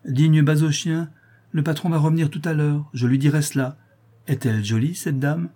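Vain rich dandy, flippant and mocking, husky mellow tone, higher than the reader's own voice, a man putting him on. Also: steady tone, moderate pace, close to an everyday voice. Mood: joking.

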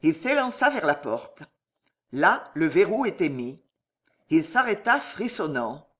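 An audiobook reader narrating a classic novel dramatically, slowing down at tense moments. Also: medium pitch, sing-song, a bit bright. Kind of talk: expressive literary narration.

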